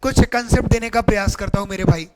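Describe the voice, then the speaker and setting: A man's voice: sits high, heavy background noise. A man teaching English grammar in an exam-prep lesson, drawing words out in a sing-song way and asking questions he answers himself. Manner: sing-song, drawn-out teaching delivery, calls viewers beta; asks rhetorical questions and answers them himself.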